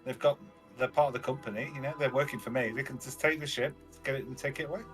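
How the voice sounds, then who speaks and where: Male player, bright forceful tone, banters and trips over words. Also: mid-range voice, fairly even intonation, fast talker, soft background music. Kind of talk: tabletop role-play.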